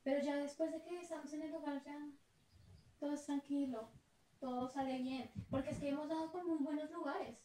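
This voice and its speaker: A young woman with a Colombian Spanish accent, speaking in a high, dark-toned voice at a fairly quick, steady pace. She's a travel vlogger chatting casually and reflectively, laughing easily. The room is echoey, with faint noise.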